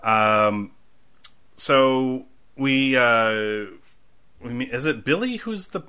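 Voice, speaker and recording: A man co-hosting a casual chat, rambling and acting out quotes in sudden loud bursts. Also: mid-range voice, lively intonation, extremely slow, clean tone. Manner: rambling, acts out quotes loudly.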